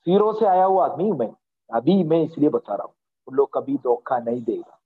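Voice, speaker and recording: A man's voice: medium pitch, animated, brisk, slightly rough. A man leading a company meeting online, giving a motivational pep talk in an earnest, reassuring way and often checking that listeners agree. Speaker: company leader addressing members. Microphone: video call. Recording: tinny, phone-like video-call audio.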